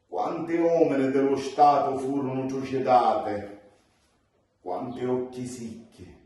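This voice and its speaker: Male poetry reader, Sicilian accent, expressive and solemn, unhurried delivery, strongly reverberant distant recording. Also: medium pitch. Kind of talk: dramatic poetry recitation in Sicilian. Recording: distant mic in echoey room.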